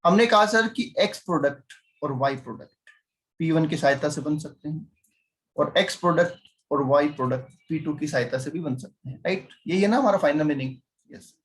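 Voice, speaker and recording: A man's voice: a little high, moderate pace. A male teacher giving a chatty lecture, teasing his students and constantly quizzing them. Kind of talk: classroom lecture.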